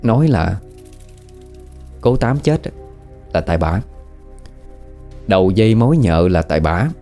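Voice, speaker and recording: A man with a Southern Vietnamese accent tells a spooky tale in a low, warm voice. He talks casually and turns to the listener with questions, over faint background music. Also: sing-song, a little slow. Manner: chatty, conversational, asks the listener questions. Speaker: storyteller. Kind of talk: casual spoken horror storytelling.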